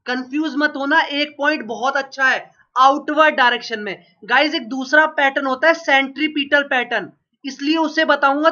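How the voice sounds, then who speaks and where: A geography teacher's very high voice comes across pushed and bright in this exam-prep lecture. A cold has made his throat sore, prompting occasional coughs, and he drives points home by asking questions and repeating the answers. Lo-fi, dull recording.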